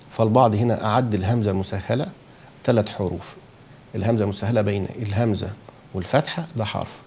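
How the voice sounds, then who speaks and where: A man teaches a lesson on pronouncing letters, speaking with an Egyptian Arabic accent. His voice sits low and has a gravelly edge. He keeps checking that his listeners follow and says the sounds aloud to show them, over a faint background hiss. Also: a little mellow. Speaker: Quran recitation teacher. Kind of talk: explaining a lesson.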